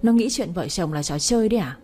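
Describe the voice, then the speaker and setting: A woman's voice: on the low side, expressive, fast, warm tone, soft background music. A woman voicing an angry, stern elderly father who scolds harshly in a storybook reading. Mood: furious.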